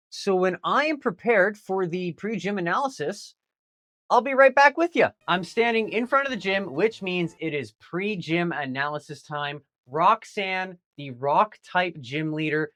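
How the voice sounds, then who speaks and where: Animated man commenting on a video game. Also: high-pitched, no room sound. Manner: animated, talks to the game, swings between grumbling and excited. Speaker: gaming channel host. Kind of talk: let's play commentary.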